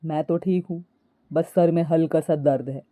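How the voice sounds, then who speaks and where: A woman voicing a young husband who speaks in a low, firm, mildly scolding way. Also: fairly even intonation, moderate pace, dark tone, no echo, natural voice. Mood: stern. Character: young husband, patient but annoyed.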